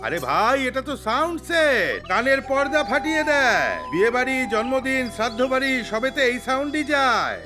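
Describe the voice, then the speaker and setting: A man voicing an excitable, boastful and easily flustered comic fellow in a dubbed film. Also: extremely high pitch, moderate pace, music in the background. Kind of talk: dubbed film comedy acting.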